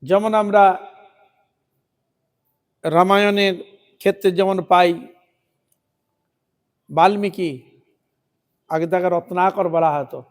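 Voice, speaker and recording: A man's voice: high voice, fairly even intonation. A man giving a devotional sermon, asking rhetorical questions and repeating chanted words. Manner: repetitive chanting of words, rhetorical questions, slows to intone verses. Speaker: preacher.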